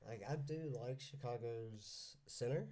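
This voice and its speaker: A man's voice: medium pitch, measured pace, mellow. Easygoing man with wry short remarks. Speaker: podcast host or co-host. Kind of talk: casual conversation.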